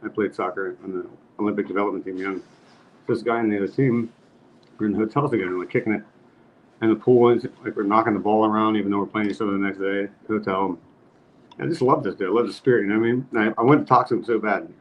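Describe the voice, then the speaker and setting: Male podcast host, low voice, earnest rambler, muffled lo-fi sound with faint noise. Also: steady tone, fast talker. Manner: rambling, earnest, laughs at own jokes. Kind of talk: casual chat.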